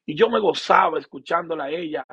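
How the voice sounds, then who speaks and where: A male pastor preaches and shares his own testimony in a slightly high, gravelly voice. He speaks with emotion and keeps repeating words as he restarts his phrases. The recording sounds dull and lo-fi. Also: a little fast, a bit bright. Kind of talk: sermon with personal testimony.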